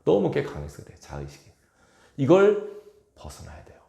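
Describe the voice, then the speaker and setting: A man's voice: on the high side, huge pitch swings, normal speed, gravelly, dark tone. A male pastor preaching a sermon with emphasis, asking his congregation rhetorical questions, recorded in an echoey church hall. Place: church sanctuary.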